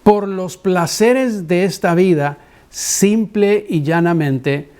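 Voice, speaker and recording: A man preaching a sermon, a pastor who tells a personal story with lively acted-out dialogue and frequent restarts. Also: high voice, slow pace, clear, resonant tone.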